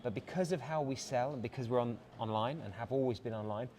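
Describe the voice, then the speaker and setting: A brand director with an English accent, from England, talks at a quick pace in a mellow, medium-pitched voice. He delivers an eager, polished product presentation full of "uh" fillers at a busy watch showroom event, with a little hiss or hum audible.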